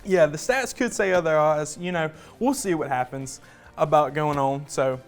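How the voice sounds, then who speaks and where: A man's voice: fairly high pitch, moderate pace, soft background music. A young man, anchoring sports on a student newscast in an upbeat, chatty way. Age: young adult. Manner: chatty, upbeat, casual fillers.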